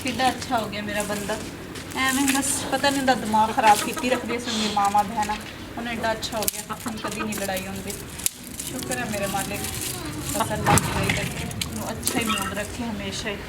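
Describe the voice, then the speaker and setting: A woman's voice: medium pitch, fairly even intonation, fairly quick, very noisy. A woman acting as a wife in a village web drama, soothing at home and scolding toward an unwanted suitor. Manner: soothing with her husband, sharp and scolding with a suitor.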